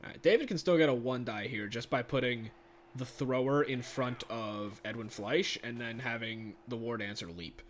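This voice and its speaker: A man's voice: medium pitch, normal speed. Guy casually calling a board game match, chatty and jokey, faint hiss behind. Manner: chatty, excitable, laughs often. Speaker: game commentator. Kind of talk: casual play-by-play commentary. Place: home room.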